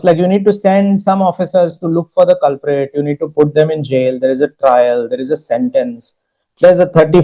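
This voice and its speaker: A man's voice: fairly high pitch, warm tone, poor audio. A man speaking as a guest at an industry summit, telling stories and stacking up points in lists. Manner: storytelling, emphatic lists. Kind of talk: conversational interview talk.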